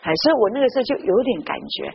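Woman preacher, rapid and animated storyteller, slightly high voice, dull lo-fi capture. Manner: lively storytelling with frequent interjections. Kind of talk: sermon with personal stories. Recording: muffled lo-fi recording with faint noise.

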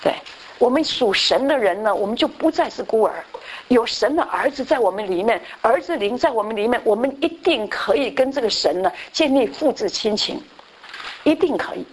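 A woman pastor with a fairly high voice teaches a Bible class in a loose, talky way. She circles back over her own phrases and keeps dropping in short affirmations. A faint hiss sits under her voice. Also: poor audio. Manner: repeats phrases, fills pauses with a steady 对.

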